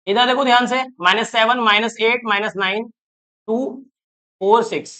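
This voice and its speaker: A man with a fairly high voice teaching a math class online. He walks through each step aloud, counting off terms and elements. He keeps pausing to check whether the students are following. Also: steady tone, bright, forceful tone. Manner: constantly checks if students follow, coaxing questions.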